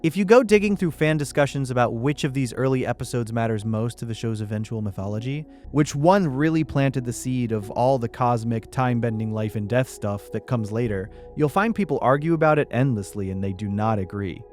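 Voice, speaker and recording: A man giving a calm scripted sleep narration, slow, soft and reflective. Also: medium pitch, soft background music.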